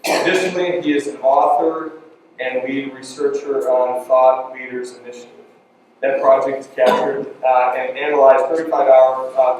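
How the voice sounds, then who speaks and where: A man with a mid-range, slightly mellow voice introduces the next speaker at a live event in a large room with an audience. He rambles and halts, restarting often and using many fillers. The echoey hall and distant mic leave slight background noise.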